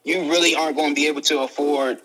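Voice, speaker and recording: A man's voice: on the high side, steady tone, quick pace, fairly bright tone, rough recording. A man, a podcast guest talking in an easygoing, reflective, slangy way. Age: 30s. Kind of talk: casual podcast chat.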